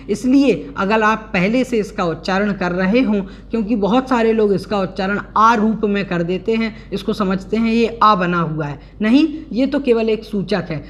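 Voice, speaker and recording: Slow, deliberate male scripture teacher. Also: sits high. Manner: deliberate, spells out pronunciation and chants verses slowly. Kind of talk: slow explanatory religious class. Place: online class recording.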